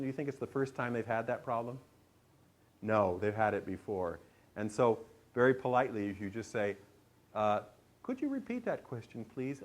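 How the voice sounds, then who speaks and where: Man teaching with lively audience questions. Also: mid-range voice. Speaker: presentation skills teacher. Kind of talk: classroom lecture.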